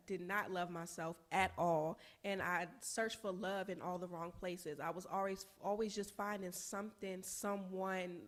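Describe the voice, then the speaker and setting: A woman in her twenties co-hosting a podcast, speaking in an upbeat, casual way and laughing at herself. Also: fairly low pitch. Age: 20s. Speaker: co-host and business owner.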